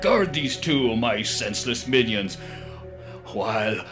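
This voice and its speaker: A man playing a grandiose, gloating supervillain mastermind in a cartoon, speaking pompously and deliberately over music. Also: mid-range voice, animated. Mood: smug, menacing. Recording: music behind the voice.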